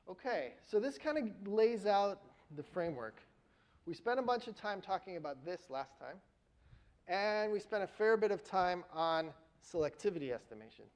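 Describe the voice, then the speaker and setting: A university lecturer giving a classroom lecture, explaining step by step and often pausing to check in with the students. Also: male voice, mid-range voice, darkish tone, low-quality recording. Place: lecture hall.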